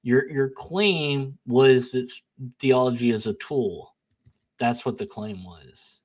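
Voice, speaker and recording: A young man with a mid-range voice talks slowly as he hosts his own channel, casually reading an email exchange aloud on his own. He's animated and sarcastic, poking fun at himself, laughing and bickering with himself, and sounding blunt and argumentative when he reads his responses.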